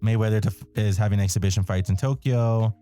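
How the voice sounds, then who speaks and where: A man's voice: on the low side, steady tone, brisk, mellow, clear, resonant tone, faint music behind. A young man hosting a casual podcast chat, laughing often and swearing freely in a loose, joking way. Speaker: podcast host.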